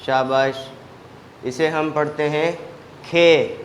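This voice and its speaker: A man from Pakistan teaching a children's language lesson, sounding out letters slowly and praising the class after each one. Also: medium pitch, a little hiss or hum. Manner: slow, drawn-out letter sounds with steady praise. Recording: echoey room, faint ambience.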